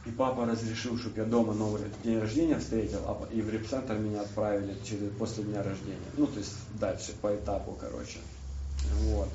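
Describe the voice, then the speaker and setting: A young man sharing his recovery story with a group, halting and restarting as he searches for words. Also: fairly low pitch, little pitch movement, noisy background. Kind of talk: personal testimony to a group. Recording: distant roomy hall mic, dull.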